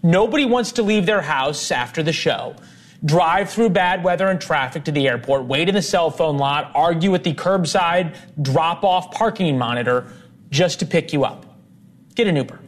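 A man's voice: on the high side, moderate pace. A male news show host who presents in a wry, playful way and argues his point with his sister. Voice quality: lively and wry, playfully argumentative.

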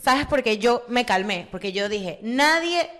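A woman's voice: medium pitch, normal speed, a bit bright. A woman co-hosting a casual chat, talking in an emphatic, slangy way. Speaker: podcast co-host.

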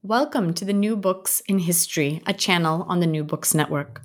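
A woman hosting an academic interview podcast, speaking in a measured, formal way. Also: fairly low pitch, faint music behind. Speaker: podcast host.

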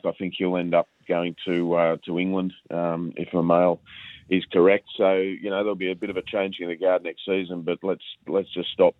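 Aussie football analyst on a tinny phone line, deep voice, halting, lots of ums. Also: male voice, dry recording. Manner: hesitant, lots of uh and um, repeats words. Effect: over the phone. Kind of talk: casual radio phone-in chat.

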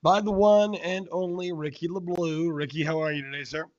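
A man with a slightly high voice hosts a sports podcast. He is warm and welcoming, and the audio is a little dull and lo-fi. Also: steady tone, moderate pace. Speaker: podcast host. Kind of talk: sports podcast hosting and commentary.

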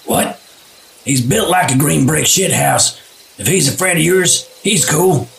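A man playing a crude young bro in a game, with a heavily gravelly voice at a middle pitch. He sounds a little far from the mic, with faint crickets outside. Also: expressive, measured pace, fairly bright tone, heavily acted. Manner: crude, swears, bro slang.

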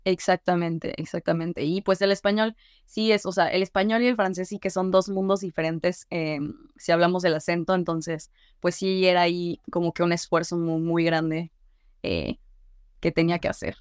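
Woman guest, lowish smooth voice, dry sound, lots of "eh" and "como que". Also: moderate pace, no echo. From Mexico. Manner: relaxed, with many fillers like "eh" and "como que". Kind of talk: casual interview conversation.

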